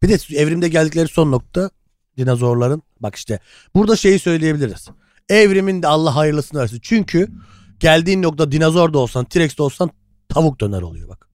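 A man co-hosting a comedy podcast, firing off jokes at a brisk clip. His voice sits a touch high, and the recording is close and dry with no room sound. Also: expressive, a little mellow, no room sound. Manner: jokey, riffing, quick banter. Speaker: podcast co-host. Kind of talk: casual comedic chat.

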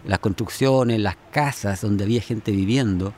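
A man who lives on an island, recalling events slowly and gravely in an interview. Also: on the low side, darkish tone, slight background noise. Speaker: island resident. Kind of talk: interview recollection.

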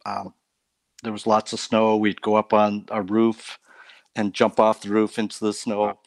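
A man from Canada, a guest on a faith talk show, telling stories about his life in a relaxed way with light laughs. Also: on the low side, a little slow, no room sound. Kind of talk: casual testimony interview.

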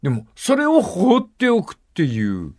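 Older man, animated radio storyteller. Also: sits high, moderate pace. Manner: lively storytelling, acting out dialect dialogue. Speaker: radio host. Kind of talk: radio talk, reading and discussing listener letters.

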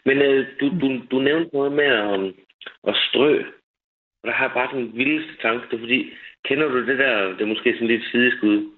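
A man calling in to a radio show, rambling and joking and laughing at his own ideas. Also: medium pitch. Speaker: caller. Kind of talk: casual radio chat. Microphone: phone. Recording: tinny phone line.

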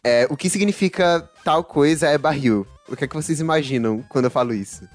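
A man's voice: on the high side, a little fast, no echo, faint music behind. A man from Salvador with a Bahian accent, hosting a casual quiz game and laughing often. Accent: Bahian Portuguese. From Salvador, Bahia, Brazil. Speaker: quiz host.

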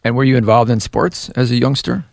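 A man's voice: medium pitch, brisk, creaky, no room sound. A man interviewing a guest on a radio program with short, encouraging questions. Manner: brief, encouraging prompts.

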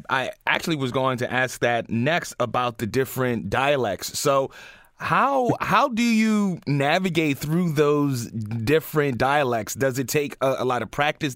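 A man hosting an interview, asking questions haltingly and rephrasing them as he goes. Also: fairly high pitch, a bit bright, no echo, studio quality. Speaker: interview host.

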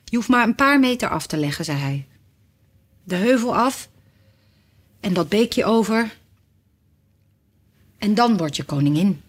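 A woman reading a storybook aloud in an expressive way. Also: medium pitch, measured pace, long pauses, husky. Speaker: narrator.

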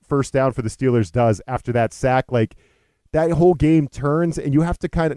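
A man hosting a sports podcast, venting with an animated, exasperated edge. His voice is dark and mellow, and it sits dry and close with no room around it. He talks in quick, loose bursts. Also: on the high side, no room sound. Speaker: podcast host. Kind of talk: casual sports talk.

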